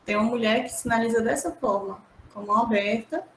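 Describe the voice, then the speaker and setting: A woman from the Brazilian Northeast, a student, sharing an example in class hesitantly with filler pauses. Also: fairly high pitch, steady tone. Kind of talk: classroom contribution over a call. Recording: echoey room, faint background hum.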